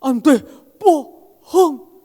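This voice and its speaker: A preacher voicing a cheerful orphanage resident who pleads in slow, drawn-out, childlike phrases. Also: male voice, very high voice, lively intonation, mellow, voice pushed up, full character voice. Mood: pleading. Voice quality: drawn-out, sing-song pleading. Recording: reverberant church hall.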